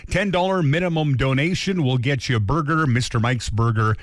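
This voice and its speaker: Casual radio guy, middle pitch, dry studio sound. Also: fairly quick, no echo. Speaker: radio host.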